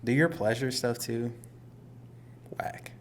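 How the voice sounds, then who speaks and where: A young man chatting casually with his partner on a podcast, with dry, teasing remarks and frequent laughter. His pitch sits in a middling range, neither deep nor high. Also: takes it slowly, slight background noise. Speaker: podcast co-host. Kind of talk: casual couple chat.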